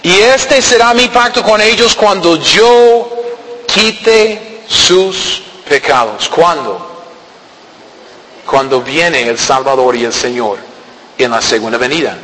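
A man preaching a sermon, animated, asking the congregation rhetorical questions and answering them himself. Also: a little high, takes it slowly. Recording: reverberant hall, faint background noise.

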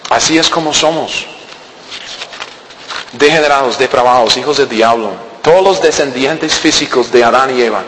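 A man preaching a sermon, swinging between loud emphatic lines and low, quiet asides. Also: normal speed, a little hiss or hum. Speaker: pastor. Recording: distant in a reverberant hall.

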